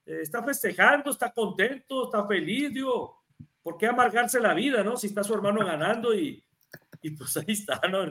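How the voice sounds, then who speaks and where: Chatty Mexican man, high voice. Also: animated, moderate pace, sharp tone. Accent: Mexican Spanish. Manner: chatty, repeats words and restarts often. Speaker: NFL podcast co-host. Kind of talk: casual sports analysis chat.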